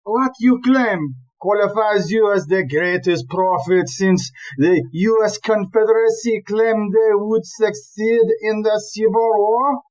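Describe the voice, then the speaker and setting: In a comic audio play, an actor voices a blustering, exasperated chief police inspector, ranting with deliberate emphasis. His male voice sits high and is a little mellow, the tone is scolding and sarcastic, and the audio is dull.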